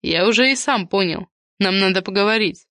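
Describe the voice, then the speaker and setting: A woman's voice: medium pitch, fairly quick, fairly bright tone, no room sound, studio quality, lightly acted. A woman reading a defensive middle-aged husband. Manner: defensive and blunt. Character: cornered middle-aged husband leaving his wife. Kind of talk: audiobook character reading.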